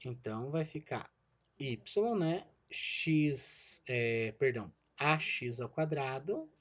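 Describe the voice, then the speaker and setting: A man's voice: mid-range voice, expressive, slow, fairly bright tone. A male physics teacher gives a recorded online lesson. He explains each step and checks in with "né?" and "certo?", and he calls himself the teacher in the third person.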